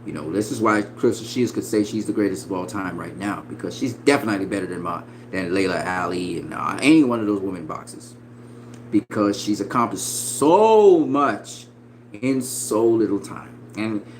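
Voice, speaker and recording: A man in his forties giving casual, profane boxing opinions, swinging between loud emphatic bursts and quiet asides. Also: fairly low pitch, lively intonation, normal speed, slight background noise, low-quality recording. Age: 40s. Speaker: boxing commentator.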